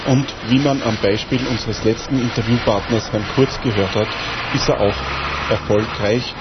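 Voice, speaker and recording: A man reads scripted radio presentation links at a middle pitch. His voice is dull and lo-fi, with loud vehicle noise behind it. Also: steady tone, moderate pace.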